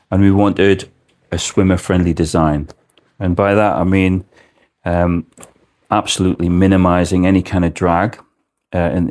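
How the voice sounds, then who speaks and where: A man's voice: low-pitched, darkish tone. A man giving an informal product explanation as a presenter, speaking indoors in a shop.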